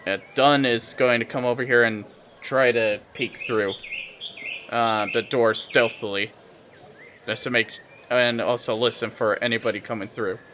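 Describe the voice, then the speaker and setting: Dude playing d&d on voice chat, medium voice, bit of noise behind. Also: male voice, mid-range voice, fairly even intonation, a little slow, fairly bright tone. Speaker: player. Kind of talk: playing a tabletop game.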